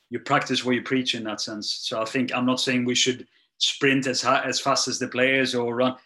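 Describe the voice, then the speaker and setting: Speaking in a sharp-toned, medium-pitched voice, a middle-aged strength and conditioning coach fields interview questions in English, which is not his first language. He restarts often, leans on fillers, and lets his sentences fade out.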